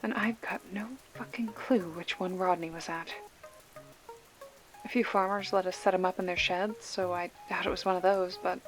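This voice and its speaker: This woman's voice sits on the low side, natural and fairly even, at a normal speed. She performs an ASMR roleplay as a foul-mouthed, sarcastic young video store clerk with a protective streak, talking on a one-sided phone call. Casual, wry and bantering, she swears as she snarks.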